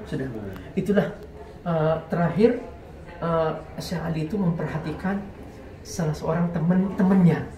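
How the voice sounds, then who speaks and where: A man telling heartfelt stories as a guest, animated, his voice rising high when he is moved. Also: measured pace, recorded from a distance. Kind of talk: emotional storytelling. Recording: echoey room, off the mic.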